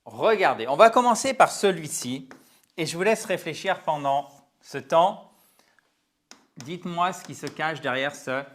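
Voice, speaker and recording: Animated male English teacher. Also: a little high. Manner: animated, modeling English words slowly with stress. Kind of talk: lively French-language English lesson.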